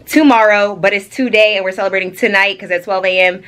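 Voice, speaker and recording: A young woman of twenty-one chatting excitedly and casually as she does her makeup for a vlog, full of slang. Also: medium pitch, quick pace. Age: young adult. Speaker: beauty vlogger. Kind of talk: casual get-ready-with-me chat. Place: home studio room.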